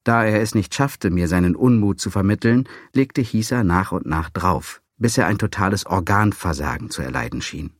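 A man reading a first-person story aloud, dry and wry in a calm, measured way. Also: low-pitched, dry recording. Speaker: audiobook narrator. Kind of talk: scripted first-person narration.

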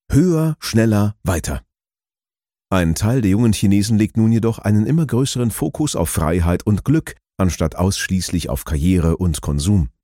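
A man narrates a documentary in a measured, explanatory voice that rises and falls in lively swings. His tone is mellow and warm, on the low side, and the recording is close and dry. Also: no echo.

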